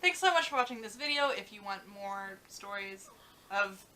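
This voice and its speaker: Chatty young woman, bright voice. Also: mid-range voice, animated, moderate pace, rough recording. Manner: chatty, many "like" fillers, trails off. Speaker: vlog co-host. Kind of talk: casual chat.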